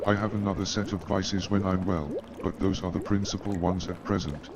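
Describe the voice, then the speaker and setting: A man playing a polite, reserved gentleman in a staged radio play, measured and formal in his speech. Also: sits low, little pitch movement, natural voice. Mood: amiable, dry. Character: polite, reserved gentleman with shaken nerves, seeking lodgings. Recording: muffled and noisy, watery background sound.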